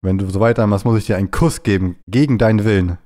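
A man with a fairly low voice chats on a live stream as he plays, restless and playful, jumping into silly bits between moves. He sounds stuffy, with a runny nose from a cold. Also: fast talker, warm tone. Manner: playful, jumpy, often breaks into silly bits. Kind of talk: casual live-stream chat while gaming.

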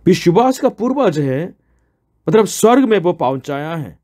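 A man's voice: high voice, big pitch swings, normal speed, darkish tone. A man preaching a sermon in an earnest, explaining way, asking questions and answering them himself.

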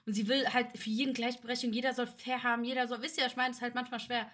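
A woman's voice: on the high side, little pitch movement, racing, fairly bright tone. A young woman co-hosting a live stream, blunt and teasing as she chats with viewers. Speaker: streamer, co-host. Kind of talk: casual chat on a live stream.

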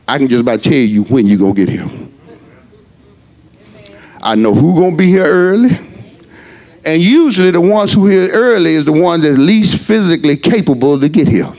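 A middle-aged man preaching a sermon as pastor, rising into shouts and stretching his words. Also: on the high side, sing-song, normal speed, pauses often.

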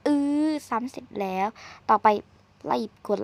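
A woman giving casual, chatty commentary while playing a video game, teasing and exclaiming as she goes, recorded at a desk microphone. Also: a little slow. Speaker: gaming streamer.

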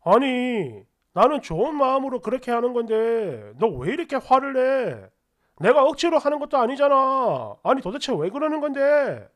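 A woman's voice: on the high side, lively intonation, moderate pace, natural voice. A woman voicing a considerate but stubborn husband in a narrated story, arguing back insistently. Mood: angry.

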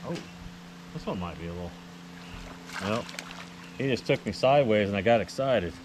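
Fishing from a small boat on a lake, a middle-aged American tournament angler and vlogger offers casual, rambling, folksy commentary to his viewers. He sounds expressive, his voice on the low side at a normal speed, with heavy ambient noise on the outdoor action-camera sound.

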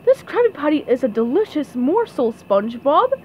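A woman's voice: high voice, sing-song, moderate pace, highs cut off, slight background noise, voice pushed up. A woman voicing a gracious, friendly cartoon princess in a storybook. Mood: pleased, gracious. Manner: gracious, pleasant.

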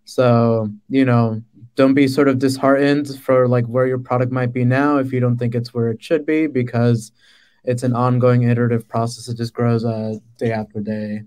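A man's voice: medium pitch, little pitch movement, normal speed, darkish tone, smooth. A man in his thirties from the Dominican Republic, a product manager on a video-call panel, talking casually with lots of "like" and "right?". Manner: conversational, fillers like "right?" and "like". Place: small room indoors. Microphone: laptop webcam mic on a video call.

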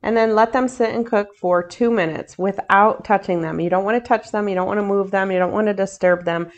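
A woman's voice: medium pitch, fairly even intonation, fairly quick. An older woman in her home kitchen, chatting casually as she walks through each cooking step for her vlog. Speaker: cooking vlogger. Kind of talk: casual cook-along narration.

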